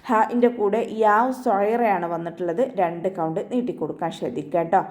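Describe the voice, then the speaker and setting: A woman teaching Quran recitation in an online class, explaining each sound step by step with gentle reminders. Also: lowish voice, fairly quick. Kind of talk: online tajweed lesson.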